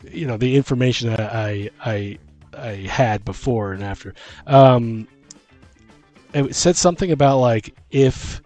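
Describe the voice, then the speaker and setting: There's music under this casual tabletop-gaming chat, led by a man who is both podcast host and game master. His medium-pitched voice is a little mellow, and his talk wanders informally with plenty of slang.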